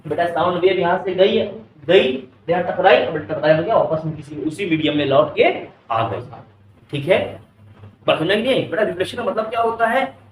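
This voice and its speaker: A man with a high-pitched, lively voice teaches physics in Indian English, speaking a little fast and constantly questioning his students, whom he calls "beta." The recording has a slight hiss or hum, with a far-off mic in an echoey classroom.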